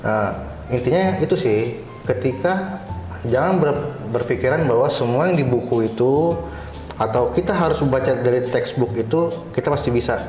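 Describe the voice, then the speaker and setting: With a Jakarta Indonesian accent, this man recounts his experiences casually and in slang while being interviewed; he works as a cyber security supervisor. His medium-pitched voice is expressive and a little mellow at a moderate pace, with room echo and soft background music.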